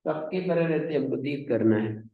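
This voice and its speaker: A man's voice: a little high, moderate pace, echoey room, narrow, tinny audio. A man teaching Sanskrit grammar, reciting rules and then explaining them in a classroom lecture.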